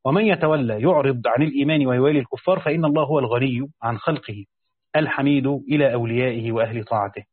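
A man reading a classical Quran commentary aloud, stopping to explain passages in his own words with small pauses and restarts. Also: medium pitch, slightly rough, no echo. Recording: tinny phone-like audio, dry.

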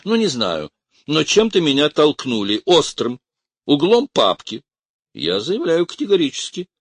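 A man's voice: on the high side, wildly swooping pitch, measured pace, no room sound, voice pushed up, exaggerated voice. A man voicing a sickly, hysterical political prisoner who protests shrilly. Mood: indignant.

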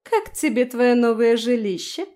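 A woman's voice: on the high side, animated, unhurried, dark tone, voice pushed up. Woman doing a sneering little fairy. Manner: snappy, sneering. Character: spiteful little female fairy.

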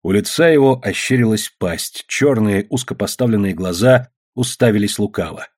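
Husky expressive male narrator. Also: on the low side, normal speed. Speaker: audiobook narrator. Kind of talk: scripted narration.

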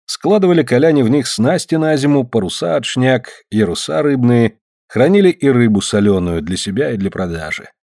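A man narrating an audiobook in expressive storytelling. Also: mid-range voice, moderate pace, dry recording, studio quality.

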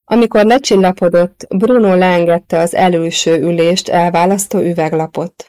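A woman narrating a novel for an audiobook. Her voice sits on the low side, and her reading is steady and measured. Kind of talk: scripted narration.

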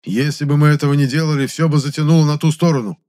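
A man's voice: a little high, fairly even intonation, fast, darkish tone, pitched above the performer's own voice, lightly acted. A man voicing a smug middle-aged town head who leads a cult, self-assured and self-important.

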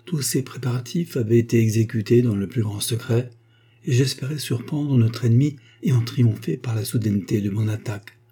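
Male narrator reading a novel: dark, husky, steady. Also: mid-range voice, a little fast. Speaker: audiobook reader. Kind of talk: scripted narration.

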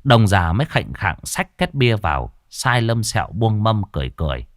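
Male ghost story teller, dramatic, lively swooping lowish voice, dry close mic. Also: moderate pace, dry recording. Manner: dramatic, expressive.

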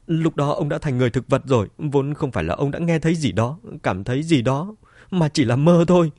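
A man's voice: medium pitch, animated, fairly quick, darkish tone, no echo, clean studio sound. A man voicing a desperate middle-aged wife who pleads and shrieks in a raised voice. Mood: pleading.

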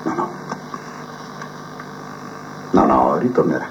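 A proud, scheming genius inmate. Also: male voice, extremely low pitch, takes it slowly, a little hiss or hum, full character voice. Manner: musing to a cellmate, swinging between soft mutters and lively outbursts. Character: proud scheming male prison inmate who thinks he's a genius. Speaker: stage actor in a TV monologue. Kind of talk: theatrical TV drama monologue. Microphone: cassette recorder mic held to a TV speaker. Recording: muffled TV audio taped off a set onto cassette.

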